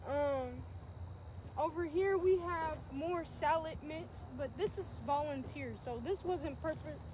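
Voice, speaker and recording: A woman's voice: high-pitched, unhurried. A teenage girl with a Kentucky accent giving a casual guided tour of a farm field, chatty and loose with many ums as she walks and points. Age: teen. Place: outdoors on an open urban farm field. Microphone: camera held by a person following a few feet behind. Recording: outdoor field noise on a handheld camera.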